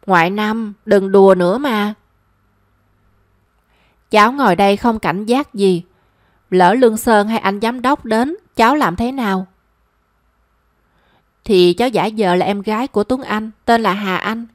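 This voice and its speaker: A woman's voice: mid-range voice, a little slow, long pauses, no room sound, studio quality, close to an everyday voice. A woman voicing a shy, flustered young woman in a story.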